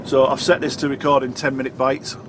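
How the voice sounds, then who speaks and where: Over heavy road noise, a middle-aged trucker with a blocked nose rambles to camera from the cab as he drives, chatting and correcting himself along the way. His voice is medium-pitched, level and brisk.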